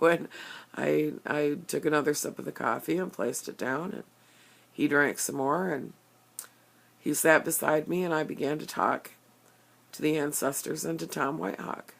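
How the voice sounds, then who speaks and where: Older woman, a grandmother type, recounting a true story slowly and haltingly, restarting her sentences often and sounding earnest. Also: sits low, creaky. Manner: halting, with stammered restarts and many fillers; earnest, openly emotional. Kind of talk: personal storytelling to camera.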